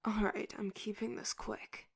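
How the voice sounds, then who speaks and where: A woman playing a stern, condescending tough-cop detective in an interrogation, in a whispered role-play with a breathy voice and slow, intimidating delivery. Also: mid-range voice, little pitch movement, no echo, studio quality, exaggerated voice. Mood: curt, impatient.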